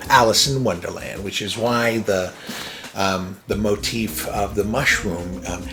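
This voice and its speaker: A man from Iran, hosting his own show in a casual, rambling monologue, full of fillers and restarts, with small chuckles between thoughts. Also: on the low side. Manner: rambling, filler-heavy, self-interrupting. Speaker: podcast host.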